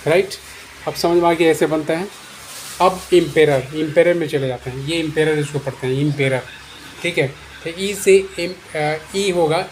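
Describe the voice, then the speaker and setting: Man teaching slowly at a board. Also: a little high, slight background noise. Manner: patient, repetitive, checks understanding often. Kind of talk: whiteboard English lesson. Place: room with a board.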